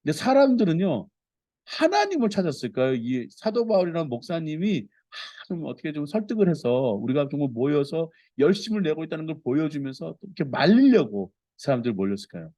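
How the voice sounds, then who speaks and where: Animated, mellow-voiced male preacher. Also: a little high, fairly quick, no echo. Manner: earnest, expressive preaching with dramatic scripture reading. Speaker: pastor. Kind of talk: sermon.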